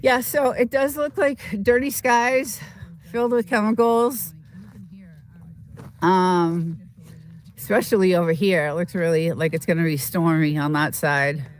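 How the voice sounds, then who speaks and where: Her voice runs on the low side with fairly even intonation as she hosts a relaxed desert live stream. She's a little sniffly from a slight cold and welcomes viewers haltingly, rambling and full of fillers.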